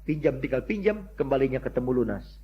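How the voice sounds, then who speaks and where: Animated older man preaching, lo-fi sermon tape. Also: mid-range voice, quick pace. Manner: animated storytelling, swings from loud exclamations to near-murmurs. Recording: dull lo-fi sermon recording with faint hum.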